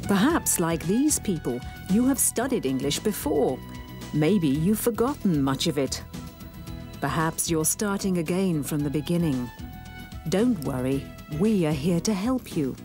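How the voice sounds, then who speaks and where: A woman with a low voice that still moves expressively, narrating a scripted English-learning programme. She speaks clearly and encouragingly, with music playing behind her. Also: very animated, unhurried.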